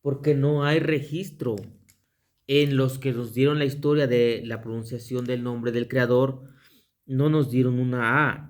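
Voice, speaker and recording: A man teaching a lesson, slowly spelling out letters and repeating them, with halting restarts as he writes. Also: mid-range voice, darkish tone. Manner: slow, repetitive, spelling out letters aloud; halting, with restarts while drawing. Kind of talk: explanatory lesson on pronunciation.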